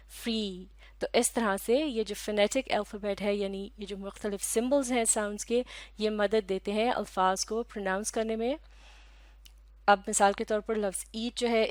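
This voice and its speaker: A woman's voice: medium pitch, dry recording. Methodical woman teaching English sounds. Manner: measured, methodical, self-correcting. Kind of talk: explanatory lesson on phonetics.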